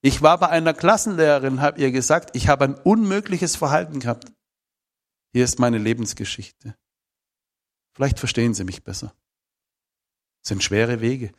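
A man's voice: mid-range voice, normal speed, long pauses. A man, telling his personal testimony in an emphatic, emotional way. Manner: emphatic, emotional storytelling with shifting volume.

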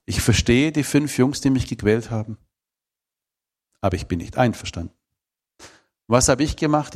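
A man with a medium-pitched, somewhat dark voice shares his personal testimony. He tells it emphatically and emotionally, his volume rising and falling as the story unfolds.

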